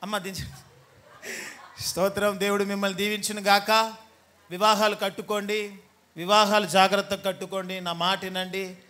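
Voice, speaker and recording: A man's voice: high-pitched, flat delivery, a little fast, bright, forceful tone. A man preaching a sermon as pastor, teasing and scolding his congregation and mimicking the people he talks about. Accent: Telugu.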